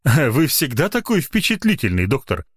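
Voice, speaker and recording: A man's voice: mid-range voice, wildly swooping pitch, moderate pace, breathy edge, dry recording, clean studio sound, pitched above the performer's own voice. Ironic, stern country chief doctor voiced by a man, middle-aged; audiobook character. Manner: ironic, scolding.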